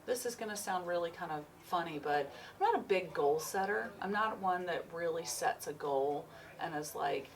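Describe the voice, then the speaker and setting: Free-spirited and quick to laugh, this chiropractor and yoga teacher in her forties rambles a bit through a relaxed interview chat. She speaks at normal speed with a fairly low pitch, recorded on a distant mic with some faint noise.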